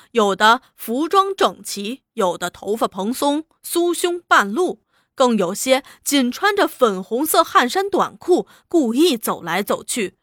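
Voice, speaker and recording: Lively, bright-voiced woman reading a novel. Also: a little high, dry recording, studio quality. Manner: expressive, lively storytelling. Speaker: audiobook narrator.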